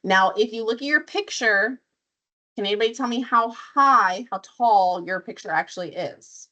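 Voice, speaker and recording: Her pitch leans high and her intonation is lively as this ill, hoarse-going math teacher leads a class through problems one step at a time. She keeps a moderate pace with a sharp tone, quizzing students throughout.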